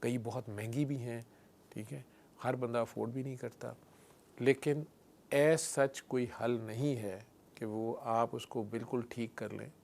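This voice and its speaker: Gravelly doctor. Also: male voice, medium pitch, steady tone, unhurried, darkish tone. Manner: storytelling, frequent "theek hai" check-ins, mixes in English terms. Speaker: doctor guest. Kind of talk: explanatory conversational interview.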